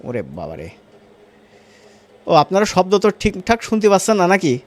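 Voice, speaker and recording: A high, fast male voice belongs to an animation course instructor with a Bangladeshi Bengali accent. He's running a live online class demonstration, chatting casually as he talks students through every click.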